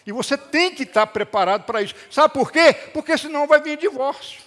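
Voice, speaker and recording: A man's voice: very high voice, brisk. An older man with a Brazilian accent, preaching a sermon to a congregation and telling stories with acted-out dialogue. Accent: Brazilian Portuguese. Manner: lively storytelling with acted-out dialogue and jokes. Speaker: rabbi preaching. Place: congregation hall. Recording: long hall reverb.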